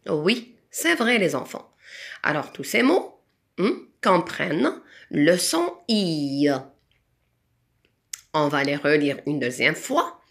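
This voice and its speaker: Slow, lively Moroccan woman teacher. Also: sits low, vocal fry. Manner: slow, patient, sing-song, stretches out example words. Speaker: primary school French teacher. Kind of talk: remote lesson for children.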